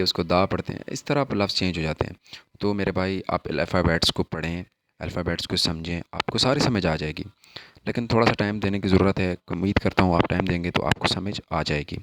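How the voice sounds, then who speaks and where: A man giving a casual language lesson, slowly repeating vocabulary and its meanings. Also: sits low. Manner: slow repetitive word drills. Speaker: language teacher.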